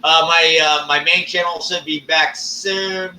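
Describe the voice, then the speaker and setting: A man's voice: fairly high pitch, steady tone, bright, forceful tone, recorded from a distance. Profane man ranting on a live stream. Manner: profane, ranting, drawn-out fillers. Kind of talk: casual live stream chat. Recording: echoey room, off-mic.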